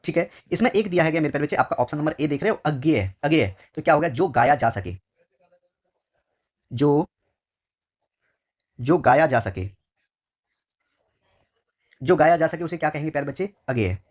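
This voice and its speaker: A man from India teaching Hindi for an exam, his voice a little higher than most men's. He repeats every phrase slowly and keeps calling his listeners dear children. Each answer word lands lower than the rest. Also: expressive, lo-fi sound. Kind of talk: exam question walkthrough lesson.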